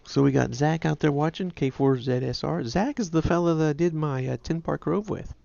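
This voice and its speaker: A man's voice: fairly high pitch, brisk, creaky, dark tone, no echo, lo-fi sound. A man, hosting a ham radio livestream in a casual, rambling, self-deprecating way. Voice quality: nasal. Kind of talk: casual chat.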